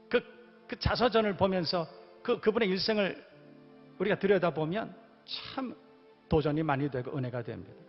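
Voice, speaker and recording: A man preaching a sermon as pastor, moving from storytelling to emphatic exhortation. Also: fairly high pitch. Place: church sanctuary. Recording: long hall reverb, dull lo-fi sound, faint music.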